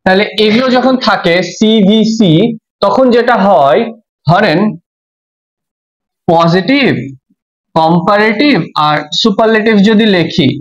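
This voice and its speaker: An English teacher with a Bangladeshi Bengali accent lectures a class on grammar in a high, animated voice, speaking slowly with many pauses. He spells words out letter by letter and asks the students check questions, captured in dull lo-fi audio.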